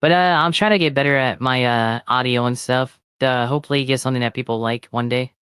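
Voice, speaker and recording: Voice-changed streamer, clear and dry. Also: medium pitch, fast, fairly bright tone, dry recording. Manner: disguised voice through a voice changer. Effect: voice changer disguising the real voice. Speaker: guest VTuber streamer. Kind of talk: casual chat.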